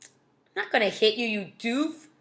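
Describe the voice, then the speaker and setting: A woman's voice: fairly high pitch, animated, a little slow, fairly bright tone. A woman voicing a tough, bossy girl who taunts and threatens boys. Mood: threatening. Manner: blunt, taunting.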